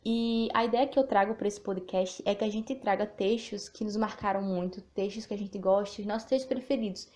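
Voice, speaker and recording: A woman with a Sergipe accent from Northeast Brazil hosts a podcast, speaking briskly in a medium-pitched, slightly mellow voice. She's a little nervous as she chats informally and reflectively, then reads aloud a text she wrote herself.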